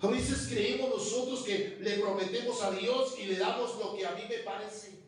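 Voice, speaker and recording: A man's voice: high-pitched, moderate pace, slight background noise. A man preaching a sermon in a church, emphatic and rhythmic, drawing out his phrases. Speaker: pastor. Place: church hall. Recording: very echoey hall, voice far from mic.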